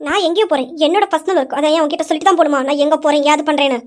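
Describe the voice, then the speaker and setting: A woman's voice: high voice, rapid-fire, close to an everyday voice. A woman voicing a young wife who sharply refuses to let her husband question her. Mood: defiant. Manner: sharp, scolding, insistent. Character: young wife, defiant and independent.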